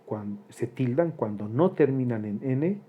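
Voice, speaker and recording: A man teaching a grammar lesson, slow and deliberate, spelling out syllables one by one. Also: medium pitch, animated, slightly rough, narrow, tinny audio.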